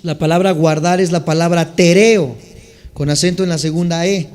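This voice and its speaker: High-voiced pastor preaching in a reverberant hall. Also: male voice, steady tone, moderate pace, a little mellow. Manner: teaching Bible words, asks congregation to respond. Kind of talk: sermon. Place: church sanctuary.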